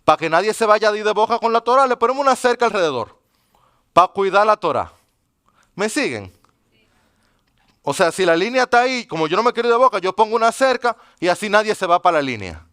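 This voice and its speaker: A man preaching in church, his voice pitched high and ringing clear. He teaches his congregation, pausing often to quiz them and check they follow. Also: big pitch swings, fairly bright tone. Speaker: pastor. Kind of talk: sermon.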